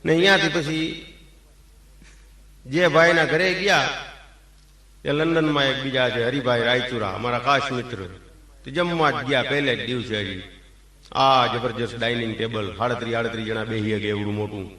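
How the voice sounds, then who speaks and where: A man with a Kathiyawadi Gujarati accent telling a comic story on stage in a folksy, deadpan way, acting out bits of dialogue. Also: mid-range voice, normal speed. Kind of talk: Gujarati folk comedy storytelling. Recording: echoey hall, mic at a distance. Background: audience laughter.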